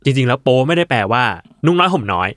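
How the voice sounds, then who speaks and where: Fast-talking man hosting a podcast. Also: medium pitch, sing-song, a bit bright, no echo, clean studio sound. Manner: quick, attentive, frequent short agreements. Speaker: podcast host. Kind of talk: casual podcast chat.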